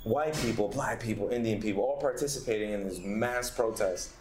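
A man's voice: fairly low pitch, fairly quick, darkish tone. A young man in a casual group discussion, telling a story emphatically with many restarts. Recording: echoey room with faint background noise.

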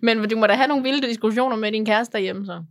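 A woman co-hosting a podcast in casual chat, teasing her co-host with playful questions. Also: on the high side.

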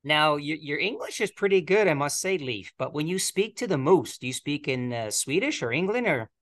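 A man's voice: fairly high pitch, sing-song, moderate pace, a bit bright. Chatty male podcast host. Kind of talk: casual interview.

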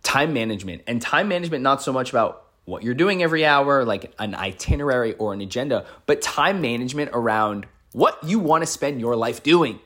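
A man in his thirties with an American accent gives an impromptu motivational podcast monologue as a life coach, repeating phrases for emphasis. His mid-range voice is fairly bright, with lively intonation and a brisk pace that hardly pauses.

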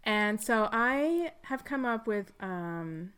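A woman's voice: medium pitch, animated, slow, a bit bright, smooth. A young woman from Texas hosting a casual chat over a remote call, chatty and giggly as she reads out quiz headlines. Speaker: podcast host.

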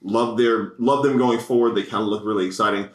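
An American man co-hosting a casual sports podcast, rambling and excitable, laughing often. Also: on the low side, fairly quick. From United States. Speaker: podcast co-host. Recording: echoey room.

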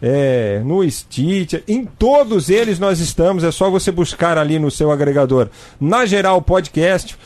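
A man's voice: a little high, animated, measured pace, hardly any pauses, darkish tone. A man hosting a live radio show, chatting through promotional announcements.

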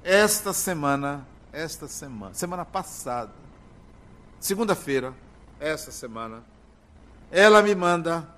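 Older man giving a slow spiritual talk. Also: a little high, lively intonation, fairly bright tone. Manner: slow, emphatic delivery with drawn-out words and pauses. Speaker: spiritist lecturer. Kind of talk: spiritual lecture.

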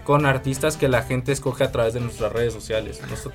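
A man's voice: medium pitch, steady tone, faint music behind. A man in his twenties from Mexico City, a concert promoter and singer, answering interview questions earnestly and at length. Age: 20s. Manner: earnest, explanatory, slow in places.

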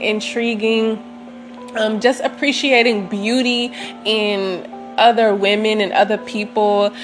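Like a vlogger, a woman with a fairly high voice chats casually and without a script to her viewers, meandering reflectively and gently affirming herself. Soft, sentimental music plays in the background.

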